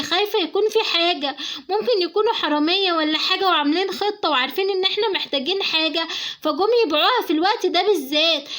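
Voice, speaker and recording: Egyptian mother, bright and anxious. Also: extremely high pitch. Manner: anxious, pleading, cautious. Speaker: mother in a family sketch. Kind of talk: acted family skit.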